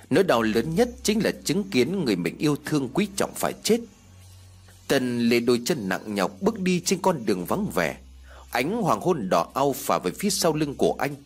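A man narrates an audiobook ghost story with expressive storytelling. His voice is husky and medium in pitch. His pitch moves in a lively way.

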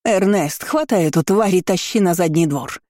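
A woman's voice: on the low side, lively intonation, normal speed, a little mellow, dry recording, clean studio sound, close to an everyday voice. A woman voicing a cruel middle-aged aunt who hisses orders. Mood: menacing. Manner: hissing, commanding.

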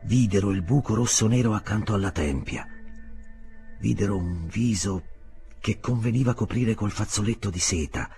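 A man narrating a literary audiobook in a measured, expressive reading. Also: lowish voice, faint music behind.

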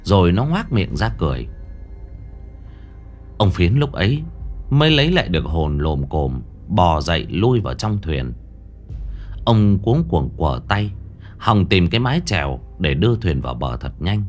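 A man's voice: deep voice, sing-song, moderate pace, long pauses, soft background music. A man narrating a ghost story dramatically, lingering on eerie details.

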